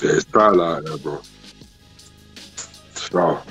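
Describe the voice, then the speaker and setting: A man's voice: very deep voice, takes it slowly, a bit bright. A man with a London roadman accent and street slang, chatting casually on a group livestream. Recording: muffled livestream audio with faint music.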